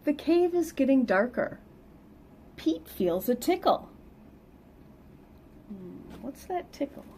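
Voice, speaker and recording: A middle-aged storyteller reads a children's picture book aloud in a small, plain indoor room, using lively sing-song emphasis meant for young listeners and dropping in casual asides. Her high voice is slow and creaky, she pauses often, and a little hiss or hum can be heard.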